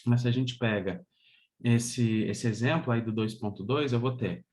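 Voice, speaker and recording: A man's voice: mid-range voice, normal speed, a little mellow. A man from Brazil giving an online music lesson. He explains each step patiently and chants rhythm syllables as examples. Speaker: music teacher.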